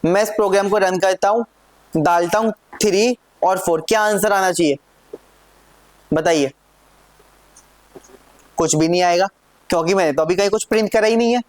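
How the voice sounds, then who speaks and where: A man teaching a live programming lesson, talking through code step by step and often asking his students whether it is clear. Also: sits high, normal speed, pauses often, no room sound. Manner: checks in often with questions to students. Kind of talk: live classroom coding lesson.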